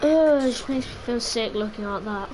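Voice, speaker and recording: A woman's voice: on the high side, fairly quick, a little mellow, a little hiss or hum. A woman giving casual gameplay commentary, chatty and joking, talking to herself while she plays. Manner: chatty, joking, talks to self while playing. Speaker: gamer.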